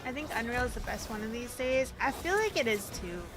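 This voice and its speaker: A woman talks over her gameplay in a high voice, rambling loosely and padding every thought with "like." Game music plays clearly underneath her chatter. She streams from a home setup. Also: lively intonation, fairly quick. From American Midwest. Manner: rambling and chatty, heavy on fillers, laughs often. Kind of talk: casual gaming stream chat.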